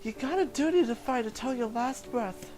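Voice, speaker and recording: A woman voicing a small, tough old grandmother who speaks loud and rough with rage. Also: a little high, animated, normal speed, over music, lightly acted. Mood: stern.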